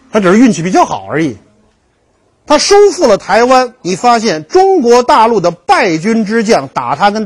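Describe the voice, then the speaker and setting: Jokey, husky-voiced lecturer. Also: male voice, high-pitched. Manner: storytelling, jokey, acts out dialogues. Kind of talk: animated history lecture to a live class.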